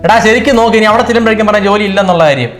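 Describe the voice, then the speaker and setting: A man's voice: high voice, racing, fairly bright tone, soft background music. A man with a Malayali accent playing a bossy, mocking father-in-law in a comedy sketch. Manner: mocking, scolding. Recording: roomy echo.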